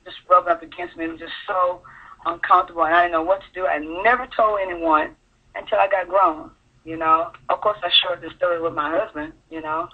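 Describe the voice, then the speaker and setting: Husky woman on a tinny phone line. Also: on the low side, fairly even intonation. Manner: halting, earnest, full of fillers. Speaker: caller sharing her story. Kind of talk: personal testimony on call-in radio. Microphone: telephone.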